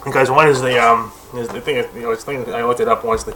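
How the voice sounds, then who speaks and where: A man's voice: medium pitch, steady tone, quick pace, background noise. A young man talking casually at his computer, rambling with lots of fillers, restarts and tangents. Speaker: video host.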